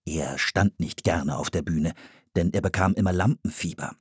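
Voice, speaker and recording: A man narrating a children's story in an expressive, storytelling way. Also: sits low, moderate pace, husky, no room sound, studio quality.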